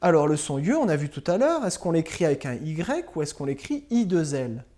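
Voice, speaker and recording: Patient schoolteacher, a woman, spelling words out slowly for children; low, mellow and animated. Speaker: primary school teacher. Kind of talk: recorded remote spelling and grammar lesson.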